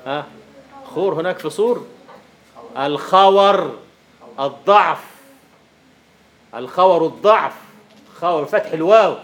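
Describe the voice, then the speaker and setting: A man lecturing a university class on poetic meter, questioning students and at times dropping to a quiet murmur. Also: a little high, expressive, moderate pace, pauses often.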